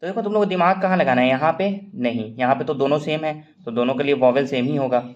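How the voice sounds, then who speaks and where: A man's voice: medium pitch, fast, dull audio. A man teaching a shorthand lesson in casual classroom style, explaining step by step and quizzing his students.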